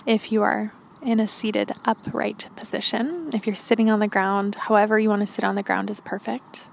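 Woman, calm grounding-exercise guide for a podcast, encouraging and gently instructing, some vocal fry, light noise behind. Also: mid-range voice, moderate pace. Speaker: podcast host and meditation guide.

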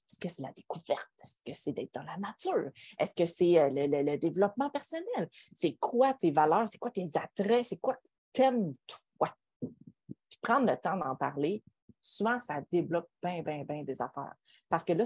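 A woman with a somewhat low voice and a Quebec French accent, in casual podcast conversation. She is emphatic and colloquial, often putting questions to the listener. The sound is close and dry. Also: a little mellow, slightly rough, no echo. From Quebec, Canada.

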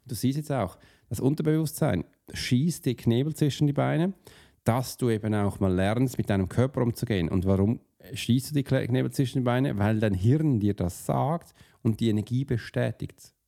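A man's voice: mid-range voice, moderate pace, creaky, mellow. A man teaching about self-sabotage as a profiling coach, speaking straight to the listener with casual rhetorical questions and restarting words mid-sentence. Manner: informal, restarts mid-word. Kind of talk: motivational teaching monologue.

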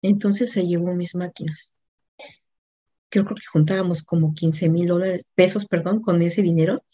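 A middle-aged woman with a Mexican accent, a coach recounting a personal story in a lively, anecdotal way, often correcting herself mid-sentence. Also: fairly low pitch, moderate pace.

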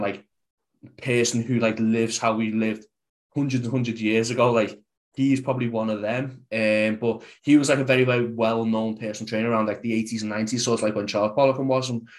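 Young Scouse man, podcast guest, casual and rambling. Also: medium pitch. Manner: rambling, heavy use of "like". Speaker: podcast guest, fitness coach.

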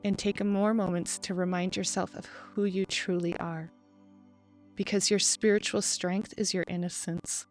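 Podcast host, woman, middle-range pitch; steady, measured guided meditation with gentle pauses and soft music behind.

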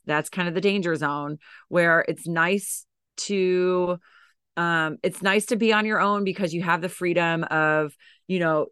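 This podcast guest, a dance coach and educator, has a low but fairly bright voice, clear and resonant, though scratchy and tired from teaching. Her casual interview talk is full of fillers and restarts, recorded at studio quality without echo.

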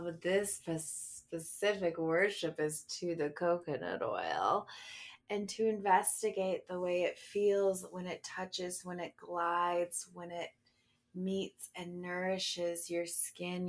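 Very slow, intimate woman close to the ear. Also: lowish voice. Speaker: host of a sensual devotional show. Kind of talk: slow, sensual guided meditation, intimate and close.

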